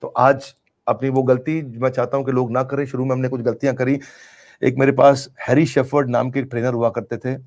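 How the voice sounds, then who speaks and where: A man's voice: medium pitch, a little mellow. A middle-aged man answering interview questions in an earnest, emphatic way, repeating key phrases for effect. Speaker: business coach being interviewed.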